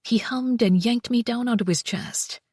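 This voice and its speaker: A woman narrating a first-person romance audiobook, soft and slow, with breathy whispered passages. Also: a little high, dry recording, studio quality.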